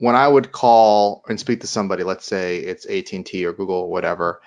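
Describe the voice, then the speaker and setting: A man's voice: low-pitched, steady tone, fast, highs cut off. A man co-hosting a casual talk show, chatting loosely and acting out quoted lines as he tells stories. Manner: chatty, retells scenes with acted-out quotes. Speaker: podcast co-host. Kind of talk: casual conversation.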